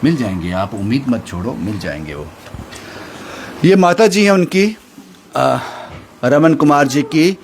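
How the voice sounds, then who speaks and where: A man interviewing a family, speaking gently and reassuringly in short prompts. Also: medium pitch, sing-song, a little slow, pauses often, slight background noise. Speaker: reporter. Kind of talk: field interview.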